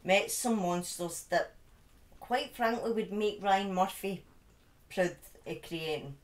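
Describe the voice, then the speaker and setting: A middle-aged British woman with a speech impediment livestreams true crime stories, chatting and storytelling in an informal, dramatic way. Her mid-range voice takes things slowly. She sits in a small, dim room close to a desk microphone on a boom arm.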